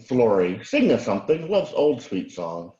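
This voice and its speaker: A man in a class reading a novel aloud haltingly, correcting his own slips, heard from off mic. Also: medium pitch, sing-song, mellow, roomy sound, dull audio.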